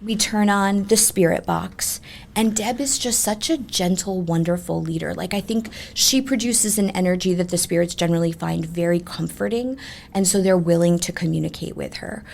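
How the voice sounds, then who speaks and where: A woman ghost tour guide chatting in an animated, emphatic way as she tells ghost stories in an interview. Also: fairly low pitch, normal speed, creaky, a little hiss or hum. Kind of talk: conversational ghost storytelling.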